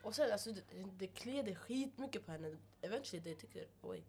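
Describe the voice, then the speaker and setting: A woman's voice: medium pitch, lively intonation, a little mellow. A young woman chatting casually with friends, slipping English phrases into her Swedish and retelling scenes with animation. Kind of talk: casual group chat.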